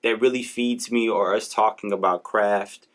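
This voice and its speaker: A man's voice: on the low side, steady tone, normal speed. A young man hosting a podcast, talking in an earnest, preachy way and restarting his words often. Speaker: podcast host. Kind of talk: casual motivational talk. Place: Los Angeles.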